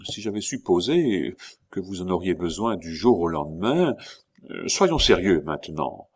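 A gruff army commandant from a storybook, loud and short-tempered, forever on the edge of losing his patience, as a man reads him aloud. The voice sits low and heavy, with punchy emphasis on every complaint. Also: big pitch swings, unhurried, heavily acted. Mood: irritated. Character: irritable middle-aged army commandant, gambler.

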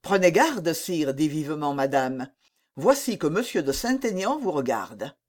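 A woman's voice: sits low, very animated, unhurried, exaggerated voice. A woman reading a coy, teasing princess. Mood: coaxing. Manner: soft, coaxing, teasing.

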